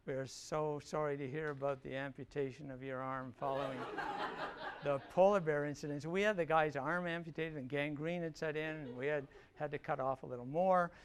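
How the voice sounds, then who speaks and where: A man's voice: a little high, smooth. An older man from Canada giving a public lecture, telling wry field anecdotes with frequent self-corrections.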